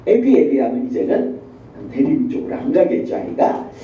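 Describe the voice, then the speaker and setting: A woman professor giving a university lecture in a classroom, animated and acting out children and mothers in her examples. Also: low voice, normal speed, recorded from a distance, slight background noise. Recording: echoey lo-fi classroom recording from afar.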